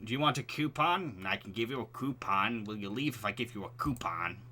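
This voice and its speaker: A man voicing a bored, hostile young female store cashier in a flat, dismissive drawl. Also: lowish voice, fairly quick.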